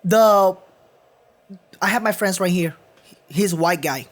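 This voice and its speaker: This high-pitched, unhurried man from Vietnam speaks English as a second language with a Vietnamese accent. He is a guest musician on a podcast recorded in a studio. The interview is casual, and he makes his points earnestly and emphatically by repeating phrases.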